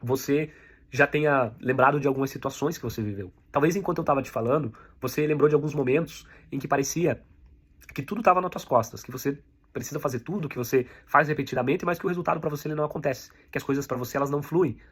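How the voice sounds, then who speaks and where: A Brazilian man with a slightly raised pitch teaches a sales class at a brisk, rapid pace. His voice has a husky, slightly raspy edge. He coaches the listener directly and drives each point home through repetition. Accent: Brazilian Portuguese. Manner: direct, repetitive coaching, addresses the viewer as you. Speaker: sales instructor. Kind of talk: online sales lesson.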